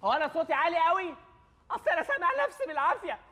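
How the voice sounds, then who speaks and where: A man's voice: very high voice, big pitch swings, racing, bright, forceful tone, exaggerated voice. An actor playing a young male bank clerk in a film comedy, a panicky coward who whines and pleads and says he has gone half-deaf. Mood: whiny. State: half-deaf, shouting to hear himself.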